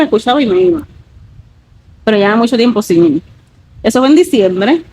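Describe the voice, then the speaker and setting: A woman's voice: mid-range voice, darkish tone, poor audio. A woman, telling a personal testimony earnestly and leaning on fillers like "pues" and "¿verdad?". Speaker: guest giving a testimony.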